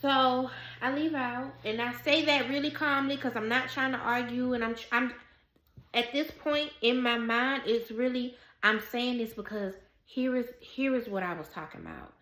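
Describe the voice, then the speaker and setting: A woman telling a personal story to her viewers in a casual, animated and emphatic way. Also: high-pitched, echoey room. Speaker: vlogger.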